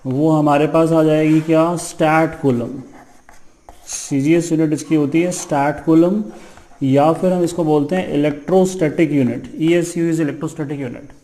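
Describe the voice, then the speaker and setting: Male physics teacher, Indian accent, slightly higher voice, lecturing and asking himself questions before answering. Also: fairly even intonation, unhurried, dark tone. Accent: Indian English. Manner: mixes Hindi with English terms, asks and answers his own questions.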